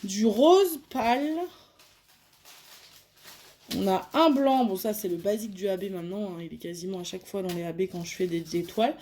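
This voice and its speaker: A woman's voice: medium pitch, moderate pace, dark tone, slight background noise. A young woman chatting casually at her living room table as she unboxes and shows a diamond painting kit, thinking aloud as she counts and sorts.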